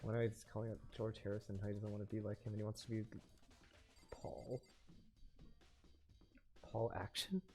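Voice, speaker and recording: A man's voice: fairly low pitch, level tone, moderate pace, long pauses, dark tone, soft background music. A man casually bantering with a friend while watching a video game, joking, laughing often and rambling off on asides. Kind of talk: casual let's-play banter.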